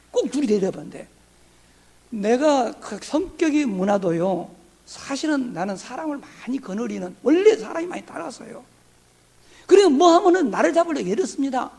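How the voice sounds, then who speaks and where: A man's voice: extremely high pitch, animated, moderate pace, gravelly, darkish tone. A middle-aged man from Korea's southwest, a pastor, preaching a sermon in a conversational way with many rhetorical questions. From Honam region, Korea.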